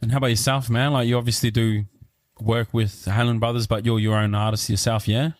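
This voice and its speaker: A man's voice: mid-range voice, little pitch movement, a little fast, dry recording. A man with a broad New Zealand accent hosting a casual interview, speaking in informal, slangy, encouraging phrases. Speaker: podcast host.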